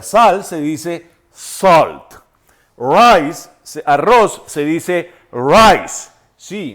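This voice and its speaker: High-pitched guy teaching english real slow, says each word over and spells it out. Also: a bit bright. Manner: repeats and spells words aloud. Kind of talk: slow spoken language lesson.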